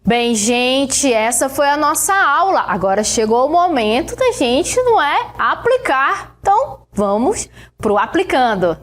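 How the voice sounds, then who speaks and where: Lively high-voiced Brazilian woman teacher. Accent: Brazilian Portuguese. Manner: explains slowly, checks in with "né?" and "tá bom?". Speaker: science teacher. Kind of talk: recorded online lesson.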